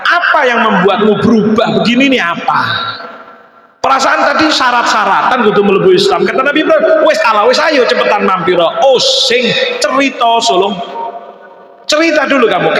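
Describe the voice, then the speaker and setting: A male preacher, telling a story in a sermon and acting out its dialogue with sudden shouted outbursts. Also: extremely high pitch, animated, fairly quick, crowd noise. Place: large mosque hall. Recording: echoey mosque hall with long reverb.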